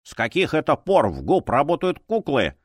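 A smug, villainous alchemist, played by a male reader, pitched below the narrator's own voice. He grumbles and drawls his lines slowly, with a dry, close sound. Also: wildly swooping pitch, breathy edge, no room sound, full character voice. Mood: sly, grumbling. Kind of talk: audiobook character voice.

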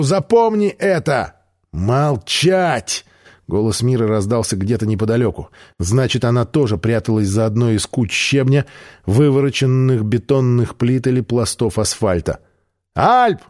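Man reading an audiobook, measured. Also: medium pitch, warm tone. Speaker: audiobook narrator. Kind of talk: scripted first-person narration.

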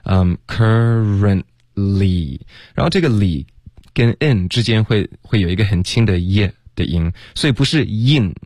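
A man with a fairly low voice teaches pronunciation on a radio lesson. He explains patiently and stretches words out slowly to demonstrate them. The sound is close and dry, with no room behind it. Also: expressive, darkish tone, no echo. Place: radio studio.

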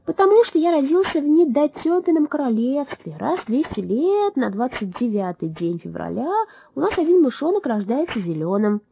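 A woman voicing a gentle, earnest green mouse in a storybook, speaking in an explanatory way. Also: sits high, very animated, normal speed, creaky, slight background noise, voice pushed up, heavily acted.

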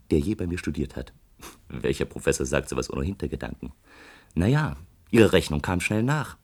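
A male actor's low voice, a little mellow and husky, carries a heavily acted performance in a German radio play. He plays a bitter, gifted young doctoral student, speaking deliberately in a sarcastic, accusing way.

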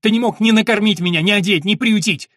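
A man's voice: medium pitch, moderate pace, fairly bright tone, husky, no room sound, studio quality. A man voicing a hot-tempered young male stonemason apprentice who lashes out in bursts. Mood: furious. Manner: bursting, accusing outbursts.

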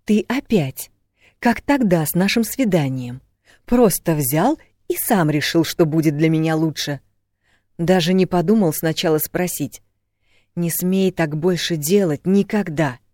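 Audiobook: man doing a high, fiery young woman, indignant and pleading, close dry read. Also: normal speed, darkish tone, dry recording, natural voice. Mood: scolding. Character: spirited young woman, quick-tempered and loving. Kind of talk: audiobook reading.

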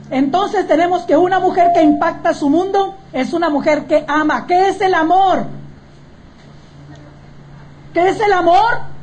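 A woman's voice: very high voice, a little mellow, a little hiss or hum. A woman preaching a sermon, emphatic and full of rhetorical questions to the congregation.

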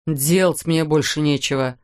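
Sleazy smirking man, slow low drawl, put on by a woman narrator. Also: steady tone, close to an everyday voice. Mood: smug.

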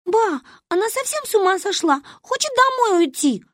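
A woman voicing a bossy, excitable little girl who exclaims loudly and insistently. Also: extremely high pitch, normal speed, dry recording, clean studio sound, pitched above the performer's own voice.

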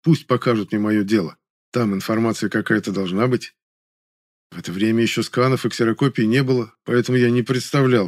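A man calmly narrating an audiobook in the first person, in a measured way. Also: fairly low pitch, no room sound, clean studio sound.

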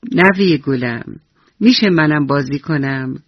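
Brief: kind patient old grandfather read by a woman, tender and slow, husky tone, lo-fi radio sound. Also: low-pitched, no room sound. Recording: dull lo-fi radio recording.

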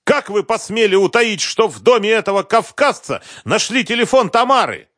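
A man voicing an enraged middle-aged businessman who yells accusations at an investigator. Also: sits high, animated, normal speed, no echo, studio quality, voice pushed up. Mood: furious shouting. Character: furious middle-aged male businessman, shouting, bullying.

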